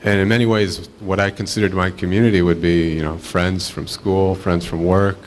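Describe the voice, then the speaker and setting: A man's voice: sits low, flat delivery, normal speed, slight background noise. A man from Israel speaking reflectively on a panel, with many fillers.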